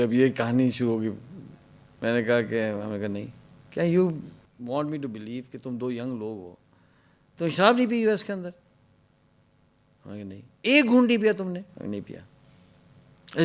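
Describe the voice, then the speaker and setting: Brief: male interview guest, mid-pitched voice, lively storyteller who voices an angry interrogator loud and his own replies hushed. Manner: drops to a hushed, low voice when quoting himself.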